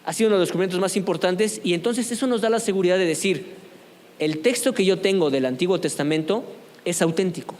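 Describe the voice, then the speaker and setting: Man, church youth teacher, conversational, asks questions, high-pitched, long hall reverb. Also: fast, darkish tone. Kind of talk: church youth lesson on apologetics. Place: church meeting room.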